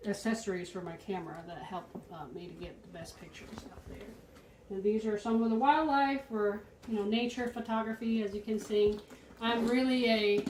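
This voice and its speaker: A woman's voice: mid-range voice, a little hiss or hum. Chatty woman giving a home tour. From Taiwan. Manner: chatty, laughing lightly between thoughts. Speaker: artist and photographer. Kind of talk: casual home tour talk. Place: at home, indoor rooms. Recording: roomy echo of a home.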